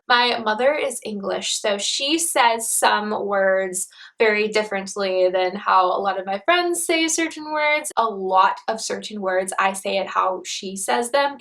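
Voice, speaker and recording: A young woman vlogging casually about books, chatty and excitable, rambling from one thought to the next. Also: mid-range voice, distant mic. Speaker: book vlogger. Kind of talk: casual vlog chat.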